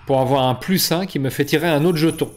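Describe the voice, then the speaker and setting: A man's voice: fairly high pitch, quick pace, a little hiss or hum. Hesitant man explaining a board game. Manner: hesitant, many fillers and restarts. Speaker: board game channel host. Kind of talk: casual gameplay explanation.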